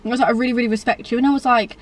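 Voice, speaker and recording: An eighteen-year-old vlogger chats casually to camera during a mukbang, filling her talk with "like" and other fillers. Her voice is on the high side and fairly even, very fast, and she sounds far from the mic.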